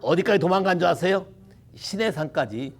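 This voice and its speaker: High gravelly male preacher. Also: moderate pace. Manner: animated, rhetorical questions, mixes in English phrases. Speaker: pastor. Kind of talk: sermon. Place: church.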